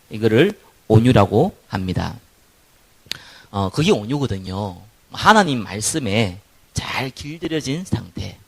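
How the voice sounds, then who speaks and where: Gravelly pastor with a Gyeongsang accent. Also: male voice, medium pitch. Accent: Gyeongsang Korean. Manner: lively preaching that swings from loud stress to quiet asides, acting out quoted people. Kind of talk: sermon.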